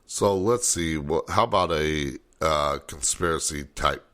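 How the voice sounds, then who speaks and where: A man's voice: rumbling low, unhurried, a bit bright. A man hosting a late-night call-in talk show, rambling and thinking aloud as he goes.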